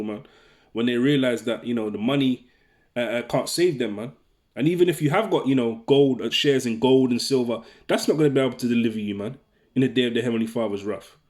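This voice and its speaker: A man's voice: mid-range voice, darkish tone. Preaching man who keeps saying "man". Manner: conversational, keeps tagging lines with "man" and "right?". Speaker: religious teacher. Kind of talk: informal preaching with scripture readings.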